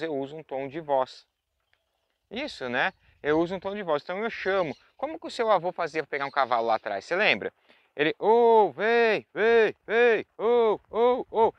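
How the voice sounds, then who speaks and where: A man's voice: fairly high pitch, dry recording, lo-fi sound. A Brazilian man teaching horse handling in a pasture outdoors, chatty and talking straight to viewers with lots of tag questions. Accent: Brazilian Portuguese. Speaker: horse trainer. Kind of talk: outdoor instructional talk.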